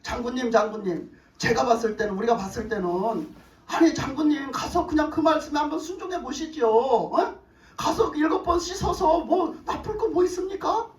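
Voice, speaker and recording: A woman's voice: high voice, normal speed, lightly acted. Woman voicing earnest pleading soldiers. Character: loyal pleading soldiers urging their general. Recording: echoey church, distant mic.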